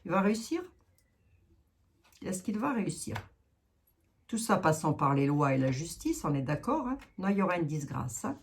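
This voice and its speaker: A woman's voice: fairly low pitch, very animated, normal speed, long pauses, slight background noise. A woman giving a casual tarot reading to her viewers, thinking aloud with many fillers and asides. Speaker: tarot reader.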